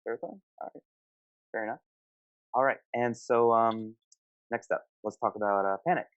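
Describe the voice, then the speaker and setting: A man casually hosts an online gaming discussion panel, tossing out informal questions and affirming what his guests say. His mid-range voice is clear and resonant at a normal speed. The voice-call recording sounds dull.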